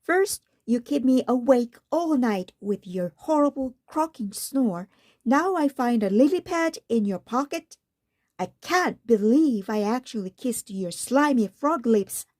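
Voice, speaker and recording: A woman's voice: fairly high pitch, expressive, measured pace, a little mellow, no echo, studio quality. A woman voicing an exasperated young storybook princess in a scolding, complaining manner.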